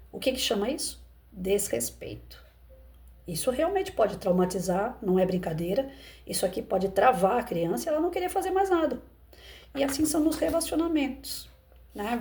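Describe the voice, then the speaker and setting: Brazilian woman teacher, warm low-key tone, chatty and explanatory. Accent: Brazilian Portuguese. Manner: conversational, explains with rhetorical questions. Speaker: educator. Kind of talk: reflective commentary on a parable.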